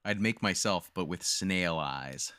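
A man co-hosting a casual gaming podcast, trading deadpan one-liners. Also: low-pitched, unhurried, clean tone, no room sound, studio quality. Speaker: podcast co-host. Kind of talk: casual chat.

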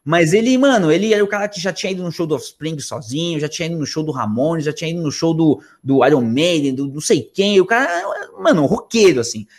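A man in casual chat, animated, mimicking other as he tells stories. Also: fast, few pauses. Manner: animated, mimics accents with big pitch jumps.

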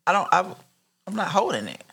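A man's voice: high voice, sing-song, fairly quick, gravelly, pushed and bright, husky. A man in casual chat with friends, slangy and profane.

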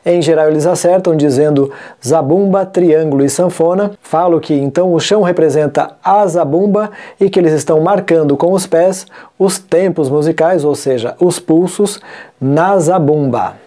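A music teacher with a Brazilian Portuguese accent talks through a classroom method. The delivery is methodical, and the speaker pauses to restate and correct terms along the way. The voice has a mellow, dark tone at a middling pitch. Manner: methodical, often rephrasing and correcting terms mid-sentence.

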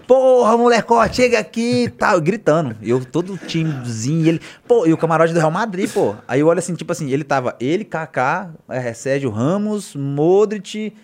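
A young Brazilian man with a Brazilian Portuguese accent, a podcast guest telling stories in an animated, slangy way. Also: a little high, a little fast, hardly any pauses. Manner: animated, slangy, acts out quotes loudly. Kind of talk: casual storytelling.

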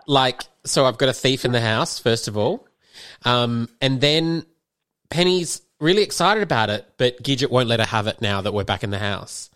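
A man chatting from his home kitchen. He hosts casually and asks eager, curious questions in a mid-pitched voice. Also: animated, normal speed, fairly bright tone, no room sound, studio quality. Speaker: podcast host. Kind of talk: casual chat.

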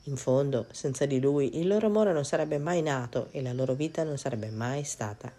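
Female storyteller, low voice, expressive measured storybook narration.

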